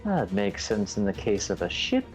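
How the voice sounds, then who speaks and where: Man hosting a tabletop role-play, polite, inquisitive, lively pitch. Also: normal speed, faint music behind, low-quality recording. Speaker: host and player.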